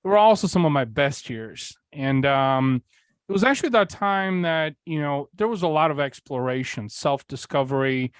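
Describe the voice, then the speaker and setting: A man in his forties from Bulgaria rambles candidly through his story in a casual podcast interview, leaning on fillers and swearing occasionally. His slightly high voice has lively intonation, a moderate pace and a clear, resonant quality, recorded dry.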